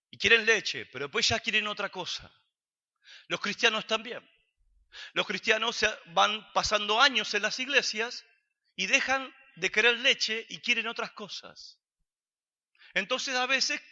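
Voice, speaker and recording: Argentine man preaching, slow deliberate delivery, sharp forceful tone, dull recording with long church-hall reverb. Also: high-pitched. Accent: Argentine Spanish. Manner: questions the congregation and answers himself. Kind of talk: sermon.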